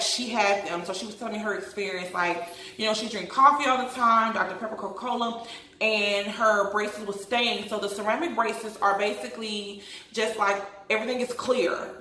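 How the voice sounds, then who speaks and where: A woman's voice: mid-range voice, sharp tone. Lisping woman talking with braces, echoey room. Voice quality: lisp from braces and overbite. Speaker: vlogger. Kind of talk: casual chatty vlog to followers. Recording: roomy, echoey home recording.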